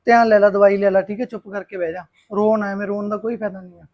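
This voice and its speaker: A man's voice: sits high, flat delivery, a little mellow, close to an everyday voice. An actor playing a protective, practical man who talks firmly and reassures. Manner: brisk, firm, reassuring. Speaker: protective elder brother figure. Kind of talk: Punjabi web-series acting.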